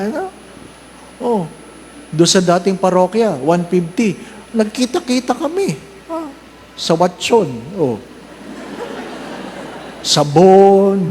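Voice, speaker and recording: High-voiced Filipino priest joking in a homily. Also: male voice, a little mellow, slight background noise. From Philippines. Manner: joking, acts out parishioners in shifting voices. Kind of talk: humorous homily. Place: church during Mass.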